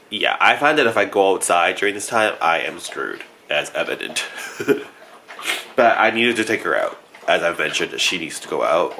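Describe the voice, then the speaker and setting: A man's voice: sits low, pushed and bright, a little hiss or hum. A young man chatting casually in a rambling vlog, laughing often and correcting himself, sounding congested from allergies. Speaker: vlogger.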